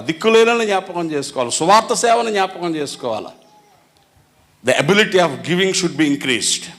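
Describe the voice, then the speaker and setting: A man with a Telugu accent preaching a sermon as pastor, asking the congregation questions and moving between loud emphatic lines and soft low ones.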